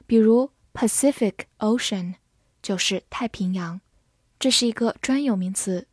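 Slow, husky woman teaching vocabulary. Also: medium pitch, darkish tone, no echo, studio quality. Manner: spells words letter by letter and reads example sentences slowly. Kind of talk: scripted vocabulary lesson.

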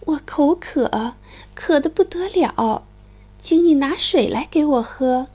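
A woman's voice: sits high, sing-song, moderate pace, breathy edge, heavily acted. A woman voicing a sighing, demanding flax plant in a children's story. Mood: plaintive. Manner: sighing, drawn out.

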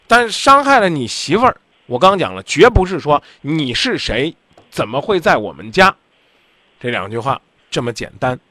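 A man's voice: fairly high pitch, sing-song, moderate pace, bright, forceful tone, dry recording. A man hosting a radio call-in advice show, talking bluntly and insistently, lecturing the caller.

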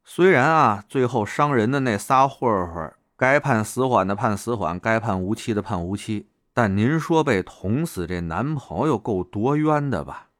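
A man's voice: fairly low pitch, lively intonation, normal speed, few pauses, fairly bright tone, no echo, studio quality. A man telling a story in a chatty, colloquial monologue, with heavy erhua.

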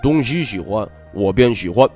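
A man's voice: on the low side, animated, moderate pace, faint music behind, voice pushed down, lightly acted. A man voicing a timid little boy monk who answers meekly and hesitantly in a storybook reading. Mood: earnest. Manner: meek, hesitant, soft-spoken.

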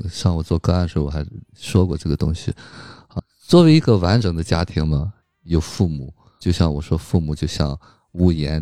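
A man's voice: low-pitched, mellow, no echo, studio quality. A man, a psychological counselor, explaining patiently as a guest in a casual film discussion, with frequent fillers.

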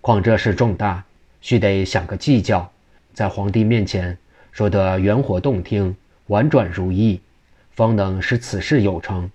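A man voicing a calculating male imperial official who speaks in a measured, deliberating way. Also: lowish voice, a little mellow.

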